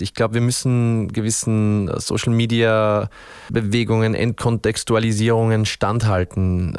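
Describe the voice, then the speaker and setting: Austrian frontman, low voice, dry studio sound, talks in restarts. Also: smooth, no echo. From Upper Austria. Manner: thoughtful, searching for words, many restarts. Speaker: band frontman, guest. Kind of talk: radio interview.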